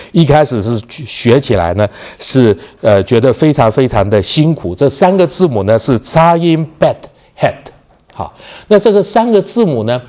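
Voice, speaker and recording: A man preaching a sermon. He poses rhetorical questions and answers them himself, slows down to stress key phrases, and starts many sentences with the same habitual filler word. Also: medium pitch, mellow. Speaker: pastor.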